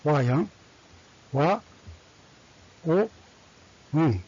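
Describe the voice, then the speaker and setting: A man's voice: a little high, lively intonation, extremely slow, darkish tone, dull audio. A man teaching a language lesson, reading syllables one by one and repeating set phrases. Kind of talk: slow scripted lesson, reading kana aloud.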